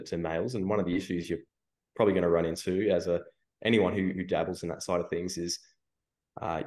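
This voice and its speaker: A podcast co-host with a low, darkish voice shares his opinions wryly, sprinkling in joking asides during casual chat.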